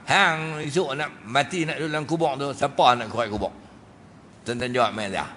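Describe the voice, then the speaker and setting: A man with a Kedah Malay accent giving a mosque lecture, lively and joking, often asking his audience questions. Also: mid-range voice, fairly quick. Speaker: religious teacher. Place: mosque hall. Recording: reverberant mosque hall, faint noise.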